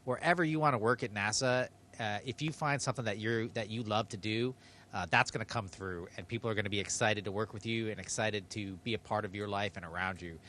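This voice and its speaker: A man's voice: on the low side, brisk. A man, an astronaut, answering a student in an informal, encouraging way. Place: space station module. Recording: faint steady background hum.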